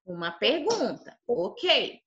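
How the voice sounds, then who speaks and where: A woman's voice: sits high, wildly swooping pitch, takes it slowly, a bit bright, highs cut off. A young woman with a Brazilian Portuguese accent teaching young children online. She explains step by step, patiently, and often checks that they understood. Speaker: primary school teacher. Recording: echoey room.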